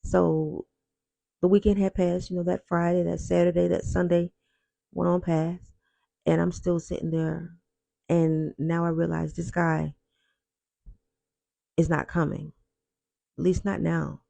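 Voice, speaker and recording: A man telling his personal testimony in an earnest, reflective way, often pausing and repeating himself. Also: on the high side, flat delivery, warm tone, no room sound. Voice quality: gravelly.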